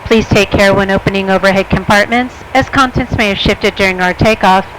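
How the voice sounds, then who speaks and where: Woman, flight attendant, scripted cabin announcement, medium pitch, faint airplane noise behind. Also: steady tone, fairly quick, fairly bright tone, rough recording.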